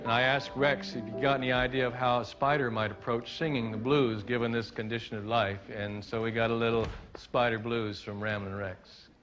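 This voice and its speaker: A man's voice: medium pitch, fairly even intonation, a little fast, few pauses, over loud music. A man giving a live storytelling talk on stage, playful at times and reflective at others. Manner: playful, leads the audience in gestures and song; reflective, builds to earnest points. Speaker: storyteller and speaker. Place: stage before a live audience.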